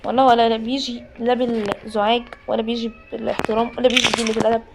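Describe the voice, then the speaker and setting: A woman's voice: a little high, level tone, rapid-fire, gravelly, a little hiss or hum. A woman with an Egyptian Arabic accent giving chatty, jokey commentary on a horror game, often pleading with the game and talking to it. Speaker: gaming YouTuber. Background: game music.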